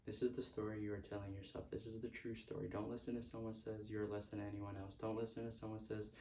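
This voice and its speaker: A man's voice: on the low side, level tone, quick pace, warm tone, far from the mic. A man giving a motivational self-help talk, repeating earnest affirmations. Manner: earnest, repetitive affirmations with stray laughs. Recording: echoey room, speaker off-mic.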